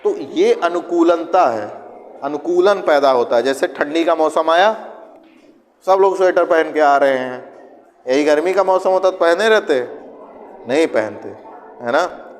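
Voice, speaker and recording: Male teacher, classroom lecture, fairly high voice, long echo off the walls. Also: slight background noise. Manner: conversational, asks and answers his own questions; acts out students and parents in quick asides. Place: classroom with students present.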